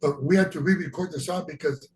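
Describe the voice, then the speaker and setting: A man's voice: on the high side, fast talker. A man in his seventies, a band member guest, recalling memories with a sheepish laugh. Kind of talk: reminiscing interview chat. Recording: distant mic with faint hiss.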